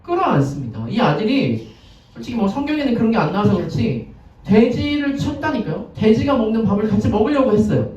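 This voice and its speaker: Lively high-voiced pastor in an echoey church. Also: male voice, a little fast, slight background noise. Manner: chatty, asks the congregation questions, acts out scenes. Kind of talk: conversational sermon. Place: church sanctuary. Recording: echoey, distant, dull lo-fi sound.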